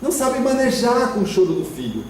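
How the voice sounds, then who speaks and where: Brief: Brazilian male lecturer, high-pitched, animated storytelling, recorded from afar in a reverberant hall with faint noise. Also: fairly quick. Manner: expressive, acts out parents and children. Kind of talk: spiritist lecture. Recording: echoey hall from far off.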